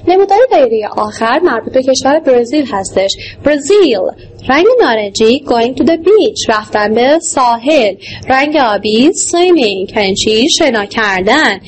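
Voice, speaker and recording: A woman English teacher walking through textbook exercises, explaining in Persian, reading English words slowly and answering her own questions. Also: on the high side, lively intonation, slight background noise. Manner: asks rhetorical questions and answers them.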